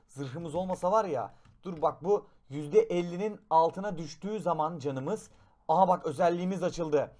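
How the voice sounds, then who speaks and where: A young man giving excited gameplay commentary, shouting in bursts, then dropping to low mutters, and making gun noises with his mouth. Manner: excitable, shouts and swings between loud outbursts and low mutters; makes gun sound effects with his mouth. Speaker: gaming YouTuber.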